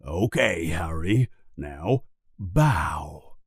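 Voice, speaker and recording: A man reading the lines of a big, kindly male giant teacher, who gives slow, coaxing instructions. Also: low-pitched, lively intonation, slightly rough, no echo, clean studio sound, pitched below the performer's own voice, exaggerated voice.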